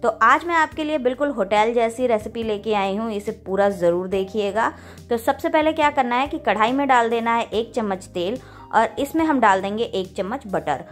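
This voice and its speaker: Woman, fairly high voice, recipe voice-over, friendly step-by-step instructions, faint music behind. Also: expressive, moderate pace. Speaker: cooking channel host.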